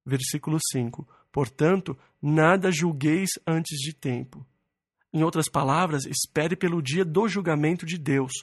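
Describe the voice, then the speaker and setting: A man's voice: a little high, a little slow, dry recording, studio quality. A man preaching an expository Bible sermon, reading verses and then explaining them plainly, sometimes acting out quoted complaints in first person.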